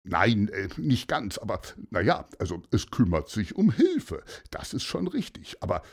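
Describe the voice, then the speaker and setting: A man's voice: on the low side, wildly swooping pitch, a little slow, husky, exaggerated voice. A man voicing an enthusiastic friend who explains things in a children's story. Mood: excited. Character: eager grown-up friend explaining the body.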